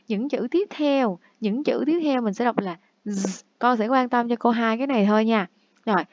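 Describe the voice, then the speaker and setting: Lady teacher, a bit high voice, patient, says every word twice, kinda muffled lo-fi sound. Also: no echo. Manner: patient, repeats each word slowly for pupils to copy. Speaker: English teacher. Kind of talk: recorded class review lesson.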